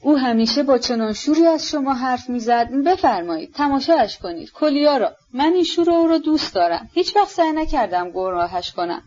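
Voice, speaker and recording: A man's voice: extremely high pitch, lively intonation, few pauses, darkish tone, voice pushed up. A woman voicing a despairing young man dying of consumption, pleading and self-pitying, in an audiobook reading on a dull lo-fi recording. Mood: feverish.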